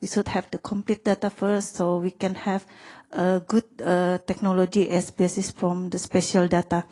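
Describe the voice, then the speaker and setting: A woman's voice: on the low side, little pitch movement, moderate pace, mellow. A woman from Indonesia, a city planning official asking a panel a question and searching for her words.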